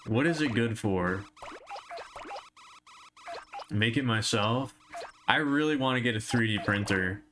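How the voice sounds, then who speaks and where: A man's voice: lowish voice, unhurried, pauses often. A young man chatting casually on a live stream as he plays, rambling through absurd jokes and tangents. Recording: noisy stream audio with clicks.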